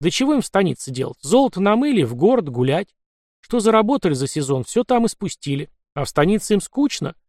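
A man's voice: high voice, big pitch swings, fast, a little mellow, no echo, studio quality, voice pushed up, full character voice. A man voicing a sly, unflappable young Cossack who talks in a wry, matter-of-fact way, in an audiobook. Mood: wry, easygoing. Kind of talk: audiobook character voice.

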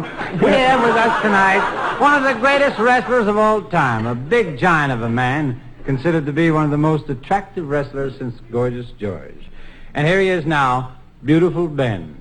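A man as MC and straight man on a 1950s radio comedy show, smooth and exasperated. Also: on the high side, very animated, normal speed, fairly bright tone, a little hiss or hum, poor audio. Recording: old radio broadcast with live audience.

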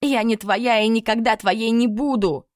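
Brief: desperate young heroine in an audiobook, read by a woman, tearful, raised pitch. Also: a little slow, dry recording, clean studio sound, natural voice. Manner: pleading, tearful.

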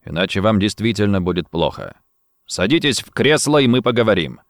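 A male narrator voicing a calm, cold detective who speaks slowly and softly with quiet menace. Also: lowish voice, dry recording, clean studio sound, pitched below the performer's own voice. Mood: cold threat. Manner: slow, soft and menacing.

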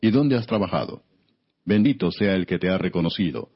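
A man narrating scripture as an audiobook in a solemn, measured reading style. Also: low-pitched, animated, husky. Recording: dull, muffled lo-fi recording.

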